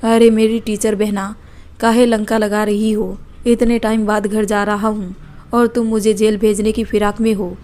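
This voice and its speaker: A woman's voice: mid-range voice, flat delivery, moderate pace, darkish tone, close to an everyday voice. A woman voicing a cheeky young man on a train who teases and mocks in playful banter. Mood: teasing.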